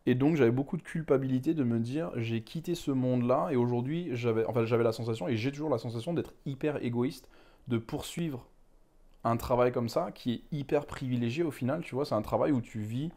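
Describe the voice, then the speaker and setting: A man's voice: medium pitch, a little fast, mellow. Reflective man in casual interview. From Ghana, West Africa. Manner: rambling, reflective, frequent "tu vois". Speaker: manga author guest. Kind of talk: candid conversational interview.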